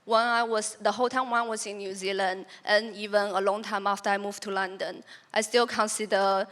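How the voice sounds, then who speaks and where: A woman's voice: mid-range voice, little pitch movement, fairly quick, fairly bright tone. A young woman from China, a native Chinese speaker, giving a prepared talk about her photography in an earnest, reflective way with occasional restarts.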